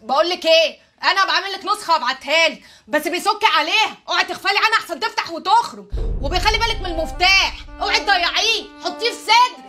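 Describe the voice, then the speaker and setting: An actress playing a quick-tempered working-class young woman who bickers loudly, in an Egyptian Arabic accent. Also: very high voice, faint music behind. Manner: loud, sharp-tongued bickering. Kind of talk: TV comedy drama acting.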